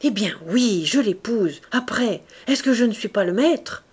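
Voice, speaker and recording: A woman's voice: on the high side, expressive, a little slow, darkish tone, breathy edge, pitched above the performer's own voice. A woman voicing a frightened, weak-willed young man in an audiobook of a classic novel, pleading in a nervous way. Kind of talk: audiobook character reading.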